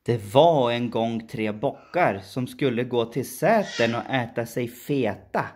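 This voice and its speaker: Low-voiced woman telling a fairy tale. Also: expressive, a little mellow, a little hiss or hum. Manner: slow, deliberate, with sound effects. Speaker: storyteller. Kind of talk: reading a fairy tale aloud.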